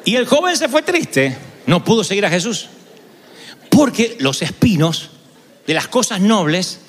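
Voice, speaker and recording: An animated male pastor preaches with a fairly high voice that moves constantly up and down. He switches into acted voices as he goes. A long reverb from a church hall follows his words. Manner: animated, shifts between voices. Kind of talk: sermon.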